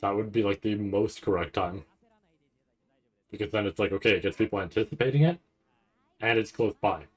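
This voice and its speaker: Fairly quick but with frequent pauses, this man talks in a fairly low voice while hosting a casual livestream. He reacts to an anime event, thinking out loud in rambling, loose, sometimes profane chat.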